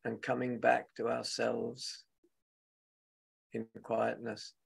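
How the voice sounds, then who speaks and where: A man with a husky, gravelly voice guides a meditation as a teacher, speaking gently and off the cuff in short phrases separated by long pauses. His pitch is medium and his delivery completely flat.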